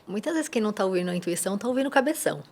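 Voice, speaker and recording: Brazilian woman, mid pitch, podcast guest, explains in a teacherly way with playful asides. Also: animated, very fast, a little mellow, slight background noise. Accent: Brazilian Portuguese. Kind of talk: interview answers.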